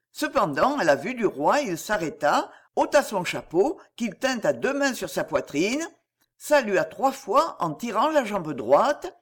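A woman narrating a storybook in an expressive, measured reading. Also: mid-range voice, slightly rough.

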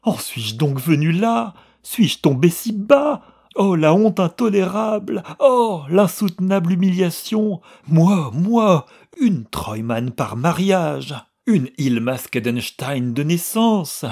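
A man voicing a proud, distraught noble widow who wails and sobs out her grievances in high-strung outbursts. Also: normal speed, a little mellow, breathy edge, close to an everyday voice. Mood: wailing.

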